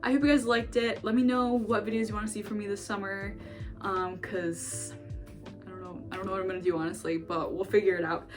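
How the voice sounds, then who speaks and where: A woman's voice: medium pitch, fairly even intonation, a little fast. Young female vlogger, chatty and upbeat, mid-range voice, faint music bed. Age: young adult. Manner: bubbly, chatty, many "like" fillers. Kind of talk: casual vlog chat. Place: bedroom at home.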